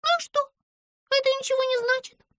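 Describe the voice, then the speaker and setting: A woman's voice: very high voice, fairly even intonation, a little fast, fairly bright tone, dry recording, studio quality, pitched above the performer's own voice. A woman voicing a stubborn, demanding little girl creature who insists on getting her way. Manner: insistent, pleading.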